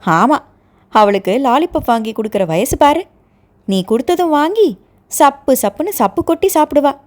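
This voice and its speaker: Teasing young brother in an audio novel, woman doing the voice, lively mocking delivery. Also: mid-range voice, unhurried. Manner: mocking, joking.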